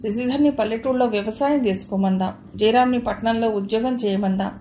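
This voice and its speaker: A woman's voice: fairly high pitch, fairly quick, mellow, roomy sound, slight background noise, lightly acted. A woman voicing a playful, earnest young student sister in an audio novel.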